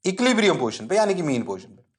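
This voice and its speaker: Speaking at a racing clip, a man gives a lively online physics lecture for exam prep, full of jokes at his own expense. Now and then he answers his own questions in a low voice like a student's, and he repeatedly checks that everyone is with him.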